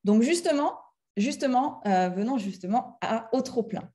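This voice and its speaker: Animated French woman giving a talk. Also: on the high side, moderate pace. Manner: animated, acts out little scenes in different voices; chatty, addresses the audience directly. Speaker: speaker giving a talk on emotions. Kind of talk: lively live talk to an audience. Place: conference room with a live audience.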